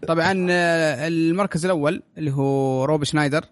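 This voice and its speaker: A man's voice: fairly high pitch, fast. A man with a Gulf Arabic accent hosting a casual film chat, dropping English terms into his Arabic. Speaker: podcast host presenting a list.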